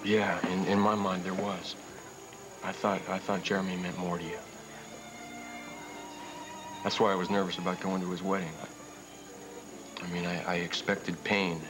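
Deep-voiced young husband, soft and earnest, soap drama with music bed. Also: male voice, level tone, measured pace, long pauses, low-quality recording. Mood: tender. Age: young adult. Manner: soft, tender, hesitant. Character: earnest young husband reassuring his wife. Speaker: soap opera character Trucker. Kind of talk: 1990s TV soap acting. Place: indoor studio set, dining room. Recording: soap soundtrack with music underneath.

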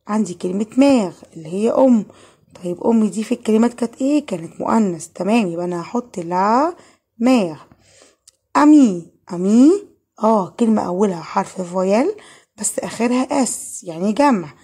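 A woman's voice: medium pitch, darkish tone, slightly rough. A woman with an Egyptian Arabic accent giving an online French grammar lesson, patiently asking questions and answering them herself. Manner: patient, asks and answers her own questions. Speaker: French teacher.

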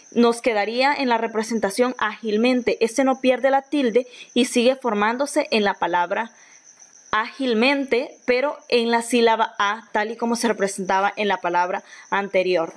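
A Honduran woman teacher giving a recorded grammar lesson, patient, often repeating and restarting phrases as she explains. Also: on the high side. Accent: Honduran Spanish.

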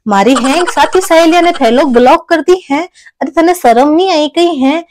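A woman playing a sharp-tongued, fed-up older village mother in a family comedy skit, speaking with a Rajasthani Marwari accent and scolding with repeated tag questions. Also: sits high, lightly acted. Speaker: skit actor.

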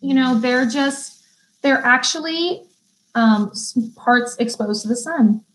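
A young woman leads a beauty school class online, her voice slightly high and her delivery unhurried. She reads each definition out word by word, then drifts into loose, chatty asides and easy laughter. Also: poor audio. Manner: chatty, laughs easily, stumbles and restarts. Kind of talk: live online vocabulary lesson.

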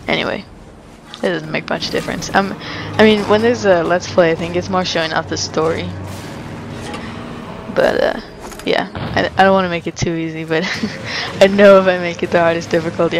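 Over the game sounds and background noise, a young woman let's play host comments casually while gaming, rambling and chatting with lots of laughter. Her voice is lowish and creaky.

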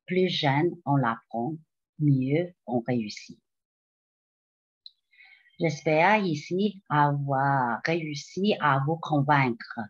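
A middle-aged woman from China, whose first language is Chinese, presents her Mandarin course to parents at a slow, careful pace. Her voice is a little husky, and the sound is dull, lo-fi webcam audio from a small room. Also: low-pitched. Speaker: Mandarin teacher. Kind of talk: recorded school presentation.

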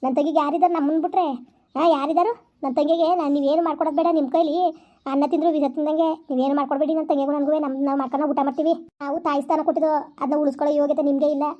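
A woman's voice: high voice, flat delivery, warm tone, lightly acted. A woman playing an indignant young elder sister who scolds her stepmother in a village family skit. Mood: scolding. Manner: scolding, indignant, rapid-fire.

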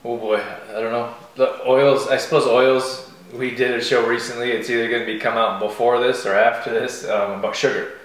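A man in his thirties co-hosting a casual morning chat at home, relaxed and chuckling often. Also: medium pitch, a little fast, slight background noise. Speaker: co-host. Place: home kitchen. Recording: echoey kitchen room.

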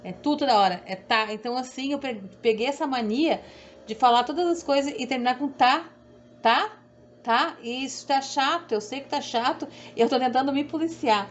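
Rambling southern Brazilian woman, slightly high. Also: normal speed. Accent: southern Brazilian Portuguese. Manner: rambling, repetitive, self-deprecating. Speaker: sewing instructor. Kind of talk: chatty sewing tutorial. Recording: dull audio with faint background hum.

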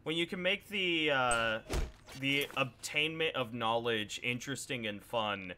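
A man's voice: mid-range voice, expressive, a little slow, pushed and bright, slight background noise. A young adult man giving casual, joking, sweary gameplay commentary as a streamer at home. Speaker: gaming streamer. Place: indoor room at home. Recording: game audio and clicks behind voice.

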